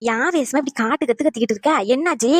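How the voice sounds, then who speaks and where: A woman voicing an older mother-in-law in a cartoon who questions the family briskly. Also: high-pitched, no room sound, clean studio sound. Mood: questioning.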